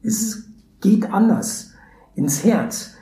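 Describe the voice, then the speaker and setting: A Brazilian man whose first language is Portuguese speaks as a podcast guest, a theatre educator in a conversational interview. His warm voice is high, extremely slow, and lively in intonation, and he sounds thoughtful yet hesitant, with frequent fillers and restarts. The recording has a roomy echo and faint background hiss.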